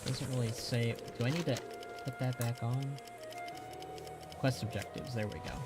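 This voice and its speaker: A man's voice: mid-range voice, fairly even intonation, moderate pace. Casual male game streamer over music. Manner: musing, wry asides. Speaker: game livestreamer. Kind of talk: casual game commentary, reading quest text aloud.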